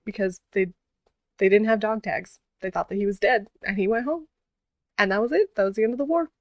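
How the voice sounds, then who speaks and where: A woman's voice: mid-range voice, brisk, no echo, lo-fi sound. A woman vlogger telling a story in a casual, earnest way, with many fillers and restarts.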